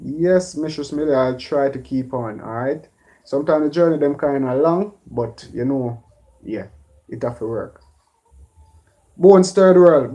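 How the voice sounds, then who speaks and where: A Jamaican man hosting a casual live stream, giving relaxed shout-outs to viewers by name. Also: medium pitch. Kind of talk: live stream chat, reading viewer names.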